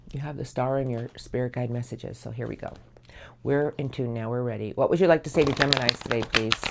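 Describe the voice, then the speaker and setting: A woman's voice: very deep voice, creaky, a little hiss or hum. A woman giving a soothing, affirming tarot reading, speaking in an encouraging spiritual tone. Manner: soothing, affirming, drawn-out emphasis. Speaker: tarot reader.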